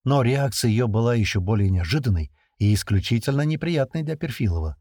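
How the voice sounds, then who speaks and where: Husky male audiobook narrator. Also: medium pitch, brisk, no echo, studio quality. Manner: expressive reading of a crime novel. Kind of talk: scripted narration.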